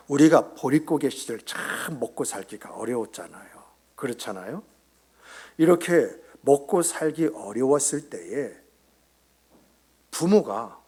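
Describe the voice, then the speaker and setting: Husky-voiced male pastor preaching. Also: mid-range voice, darkish tone. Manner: conversational, quizzes the congregation, drops into whispered asides. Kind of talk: Sunday sermon. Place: church sanctuary.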